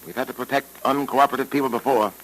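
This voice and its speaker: An actor playing an earnest male police detective in a 1940s radio drama, speaking calmly and with authority. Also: medium pitch, lightly acted, rough recording. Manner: calm, measured, authoritative.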